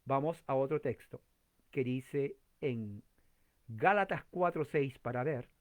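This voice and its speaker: A man's voice: mid-range voice, takes it slowly. A man leading a conversational Bible study, chatty and informal, often putting direct questions to his listeners and restarting his sentences.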